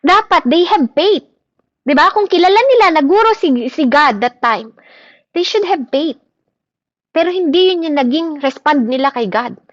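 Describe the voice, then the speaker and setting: A woman preaching a sermon in an animated way, often turning to her listeners with "di ba?" Her voice sits on the higher side. The recording is dry and dull, in muffled lo-fi sound. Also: normal speed, no room sound. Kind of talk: Taglish sermon.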